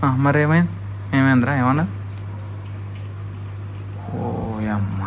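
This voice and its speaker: A man's voice: medium pitch, lively intonation, slow, noisy background. A father, chatting at home with his toddler, coaxing and scolding by turns and repeating words for her. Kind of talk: casual family chat with a toddler.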